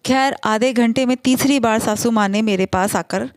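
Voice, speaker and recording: High-voiced woman narrating a family story. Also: moderate pace, no echo, studio quality. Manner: conversational, with small slips. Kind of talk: first-person story narration.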